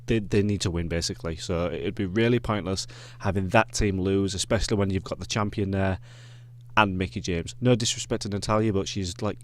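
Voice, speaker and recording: A man's voice: sits low, steady tone, brisk. A man with a Yorkshire accent giving casual wrestling predictions, rambling with lots of ums and self-corrections. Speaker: wrestling reviewer.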